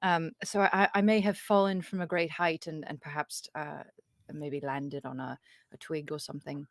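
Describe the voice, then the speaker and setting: A woman playing an injured, evasive woman hiker in a tabletop game, halting and politely apologetic. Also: low-pitched, level tone, no room sound, studio quality. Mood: unsure.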